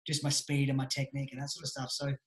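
With a completely flat delivery and a fast pace, a medium-pitched Australian man in his thirties talks casually as an interview guest, easygoing and full of fillers. He coaches judo. The webcam video call is recorded in a small room at home that echoes.

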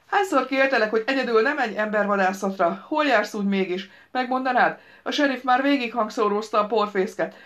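A woman reading an audiobook, voicing a loud, bossy middle-aged daughter who scolds and rambles over the phone. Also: on the high side, voice pushed up, close to an everyday voice. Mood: shrill scolding.

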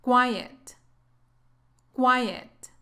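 Woman, English teacher, pronunciation drill, slow deliberate delivery, repeats each word. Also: fairly high pitch, sharp tone. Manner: slow, careful drilling of words twice. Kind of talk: pronunciation lesson.

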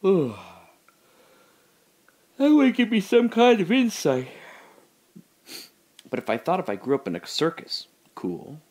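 An actor voices a man by himself in a holding cell, working through doubts about his memories in a questioning audio drama monologue that moves from wry to earnest. He speaks at a medium pitch.

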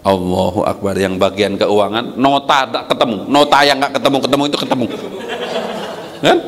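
A man preaching an Islamic lecture with humor, his voice leaping high for emphasis. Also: normal speed, fairly bright tone, a little hiss or hum. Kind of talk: lively religious lecture. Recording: long hall reverb.

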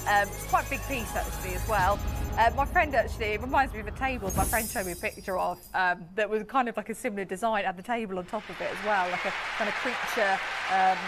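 A British woman, around her thirties, presenting as a home shopping host in chatty, informal, rambling and giggly live sales banter. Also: medium pitch. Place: TV studio.

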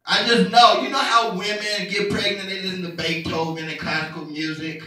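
A young man performing a stand-up comedy set, animated and jumping into characters' voices. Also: moderate pace, very echoey, distant mic, low-quality recording. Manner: animated, acts out characters with pitch jumps. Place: comedy club stage. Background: audience laughter.

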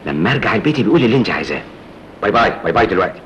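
A rapid, bantering Egyptian husband. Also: male voice, lowish voice, very animated, a bit bright, slight background noise. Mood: brusque. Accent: Egyptian Arabic. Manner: quick and bantering. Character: joking, bossy but loving young husband. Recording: dull lo-fi old film soundtrack.

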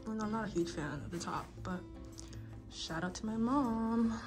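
A woman's voice: a little high, moderate pace, music in the background. A young woman with a bubbly sorority-girl manner, chatting casually to her vlog. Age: young adult. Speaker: vlogger, sorority member. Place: indoors, bedrooms, restrooms and meeting rooms. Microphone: handheld phone or camera nearby.

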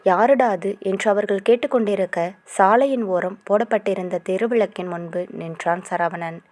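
A woman narrating a romance novel aloud with expressive storytelling. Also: mid-range voice, normal speed, dry recording.

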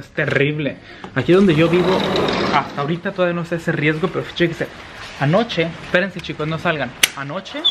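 A young man, chatting casually in a home vlog and swinging between shouts and soft whispers. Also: fairly high pitch. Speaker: vlogger. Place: home, indoors. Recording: echoey room, faint noise.

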